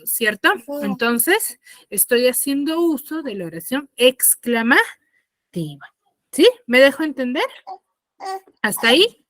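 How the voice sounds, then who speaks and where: A woman teacher with a high-pitched, fairly bright voice gives an online grammar lesson over a video call, recorded dry. She is patient and asks her pupils frequent check-in questions after each point.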